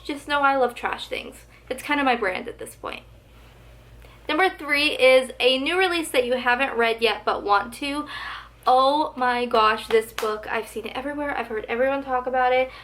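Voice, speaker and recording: A young woman with a high, slightly bright voice gushes about books to the camera for a casual book tag vlog. She's chatty, says "like" constantly, and her voice is starting to go.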